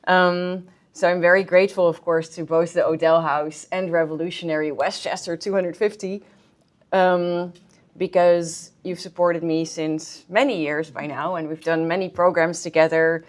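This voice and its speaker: A guest historian with a Dutch accent gives a public history talk with slides in a library meeting room. Her lowish voice shows little pitch movement at a moderate pace, and her friendly, chatty manner includes filler ums and restarts.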